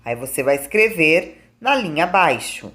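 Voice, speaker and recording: A woman teacher, reading out a school test slowly and clearly to young pupils and asking them questions. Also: low-pitched, sing-song, fairly bright tone. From Brazil. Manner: slow, clear dictation with questions to the class.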